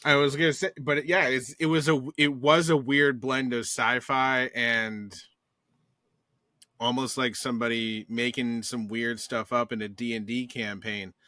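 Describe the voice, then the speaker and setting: A man's voice: medium pitch, flat delivery, measured pace, bright, forceful tone, no room sound, studio quality. A man co-hosting a podcast, chatting casually in a loose, rambling way full of fillers. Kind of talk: casual chat.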